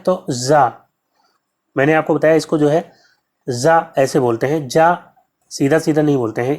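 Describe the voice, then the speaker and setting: A man with a fairly high pitch and a darkish tone leads an exam-prep grammar lesson. Step by step, he asks questions he then answers, drawing out every sound slowly so listeners can hear how it's said.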